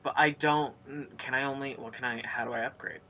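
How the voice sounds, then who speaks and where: A gaming streamer giving let's play commentary, excitable and rambling, reading the game's text aloud between reactions. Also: mid-range voice, brisk, a little hiss or hum.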